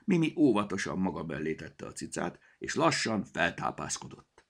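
A man narrating a children's tale in an expressive, lilting way. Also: sits low, creaky, slightly rough. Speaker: storyteller.

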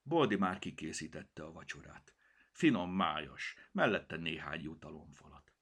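Storyteller man, low gravelly voice, hushed half-whispered reading of a children's tale, lively pitch.

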